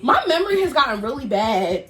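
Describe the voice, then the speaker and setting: A woman co-hosting a podcast in casual chat, giggly, blunt and quick to curse. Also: sits high, big pitch swings, a bit bright. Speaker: podcast co-host.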